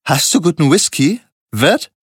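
A man's voice: a little high, very animated, a little slow, breathy edge, dry recording, studio quality, pitched above the performer's own voice, exaggerated voice. A man voicing a gaunt, barking bar thug. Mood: cold mocking. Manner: barking, taunting. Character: gaunt cruel-faced man, menacing, barking.

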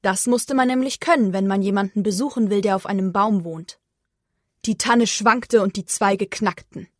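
A woman reading a children's story aloud in a slow, expressive storytelling manner. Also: mid-range voice, dry recording, clean studio sound.

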